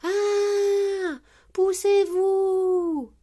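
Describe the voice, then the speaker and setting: A woman voicing a flustered mother pig in a storybook, shrill and panicky. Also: steady tone, drawn-out words, dark tone, heavily acted. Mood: panicked.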